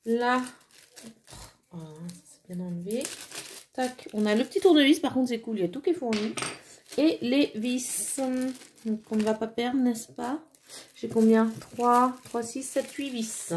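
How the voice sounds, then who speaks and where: A woman's voice: on the high side, a little slow, a little mellow, slight background noise. Chatty French-speaking woman crafting at home. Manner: chatty, thinking aloud with fillers and little "tac" sounds. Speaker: crafting vlogger. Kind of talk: casual hands-on crafting chat.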